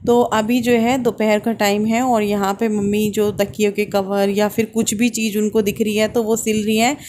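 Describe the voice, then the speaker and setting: A woman's voice: mid-range voice, little pitch movement, moderate pace, darkish tone, a little hiss or hum. A woman in her thirties with an Uttarakhand Hindi accent, chatting through a casual vlog voice-over and explaining at length. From India. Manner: chatty, explaining at length, restarts mid-sentence. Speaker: vlogger.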